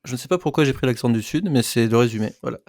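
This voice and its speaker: A man co-hosts a casual podcast, keeping a joking tone while he stumbles over fillers. His pitch sits in the middle. The recording is dry and close. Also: rapid-fire, a little mellow, no echo. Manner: hesitant, joking, many fillers. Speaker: podcast co-host.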